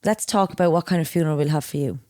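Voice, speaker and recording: A woman's voice: deep voice, rapid-fire, dry recording, studio quality. A young Irish woman co-hosting a casual podcast, telling crude, rambling stories with a laugh. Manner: lively storyteller, crude banter, frequent laughs. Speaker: podcast co-host. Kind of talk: casual chat.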